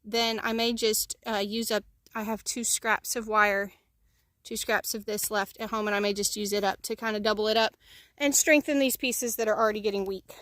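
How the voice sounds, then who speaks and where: A woman's voice: medium pitch, steady tone, moderate pace, fairly bright tone, dry recording. A woman vlogging outdoors at her chicken pen, explaining the work in a casual, chatty way with plenty of ums and uhs. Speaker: homesteading vlogger.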